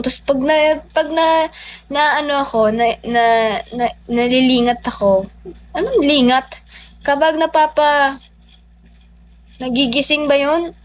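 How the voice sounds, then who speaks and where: A young woman livestreaming, telling a personal story in a chatty, animated way with lots of fillers. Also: high voice, a little hiss or hum. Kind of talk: casual storytelling.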